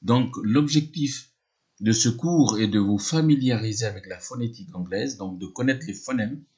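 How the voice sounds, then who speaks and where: A man's voice: on the low side, a little mellow. A man teaching a lesson, explaining patiently, often hesitating and repeating himself, spelling words letter by letter. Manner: often hesitates with drawn-out fillers. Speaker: English teacher.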